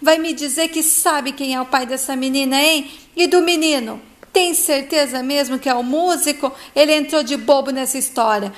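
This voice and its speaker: A woman voicing a scheming, greedy older mother who nags and scorns in a high voice. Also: normal speed, hardly any pauses, natural voice. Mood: shouting. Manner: nagging, scornful and demanding.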